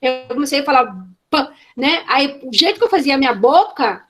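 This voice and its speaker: A woman teacher leading a casual online class, enthusiastic and slowly sounding out syllables over a video call. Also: sits high, animated, fairly bright tone, soft background music.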